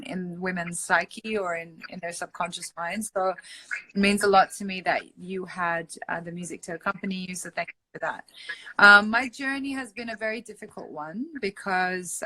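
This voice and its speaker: Bright-voiced woman singer, effusive. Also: on the low side, poor audio. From Iran. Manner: effusive and affectionate, with many "like" and "um" fillers. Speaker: singer, interview guest. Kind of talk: casual interview chat.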